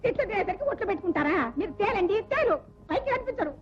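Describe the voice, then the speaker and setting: A shrill, domineering mother-in-law. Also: animated, racing. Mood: scolding. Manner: scolding, sarcastic. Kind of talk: 1980s Telugu film acting. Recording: lo-fi film soundtrack with music.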